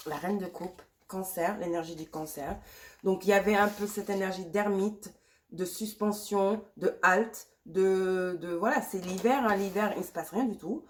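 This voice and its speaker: A woman's voice: mid-range voice, normal speed, a little hiss or hum. A woman with a cold and a sore throat gives a pick-a-card tarot reading. She talks to the viewer in a reassuring way, repeats herself and drops in English words. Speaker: tarot reader.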